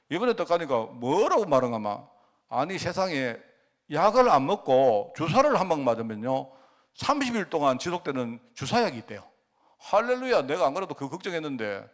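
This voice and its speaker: A middle-aged male pastor with a Gyeongsang Korean accent, preaching a storytelling sermon full of rhetorical questions. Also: a little high.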